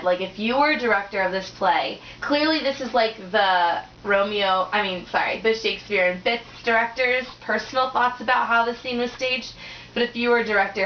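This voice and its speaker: A woman's voice: medium pitch, slight background noise. A young woman tutoring, chatty and encouraging, with many likes and ums. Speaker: tutor leading a discussion. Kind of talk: casual teaching conversation. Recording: roomy dull lo-fi recording.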